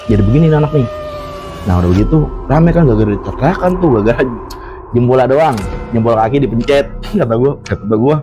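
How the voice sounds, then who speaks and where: Over background music, a fast-talking man with a mid-range voice, a guest storyteller from Jakarta, relates a true horror story in a relaxed chat. He's animated throughout, voicing the quotes himself and breaking into laughter often.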